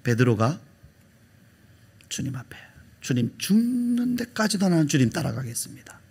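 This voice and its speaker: Middle-aged pastor guy preaching, husky voice, big swings up and down, acts out quotes then goes to a whisper. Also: fairly high pitch, very animated, normal speed, a little mellow. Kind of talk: sermon.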